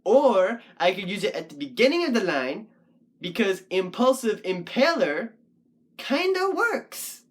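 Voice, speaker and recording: Puppeteer doing a goofy wolf puppet, rambles n thinks out loud, voice bounces up and down a lot, casual puppet vlog. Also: medium pitch, very animated, measured pace. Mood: playful musing. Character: shaggy talking wolf puppet, playful and goofy. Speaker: puppet show host.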